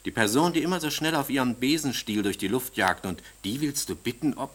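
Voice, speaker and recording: A man's voice: mid-range voice, brisk, fairly bright tone, voice pushed up, lightly acted. A man doing a timid, fussy fairy-tale king. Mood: fussing. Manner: nervous, fussing.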